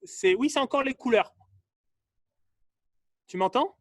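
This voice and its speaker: A man coaching a live online fitness class, calling out drills and colors in short bursts and urging everyone to go faster. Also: extremely high pitch, lively intonation, a bit bright, dry recording, clean studio sound.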